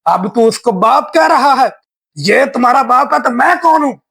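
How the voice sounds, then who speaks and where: A man's voice: very high voice, expressive, normal speed, creaky, raised voice, background noise, exaggerated voice. A man voicing an angry cartoon dad. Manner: angry, scolding. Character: short-tempered cartoon dad, shouting. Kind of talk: cartoon voice acting.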